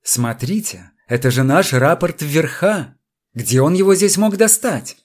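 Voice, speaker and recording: A man voicing an excitable male supply manager who talks in an agitated, shrieking way. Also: fairly high pitch, a little slow. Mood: worried.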